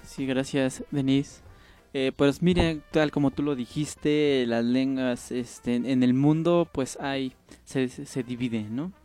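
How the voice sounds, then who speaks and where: Man, native Mazahua speaker, radio linguist, patient explainer, medium pitch, soft music underneath. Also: slow pace. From State of Mexico. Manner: patient, explains with examples, frequent "¿no?" tags. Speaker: linguist guest.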